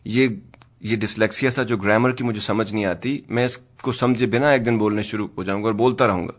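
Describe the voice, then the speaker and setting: A man's voice: on the low side, steady tone. A man hosting a talk radio show, speaking earnestly and in a preachy way, and often slipping English phrases into his talk. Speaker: radio host.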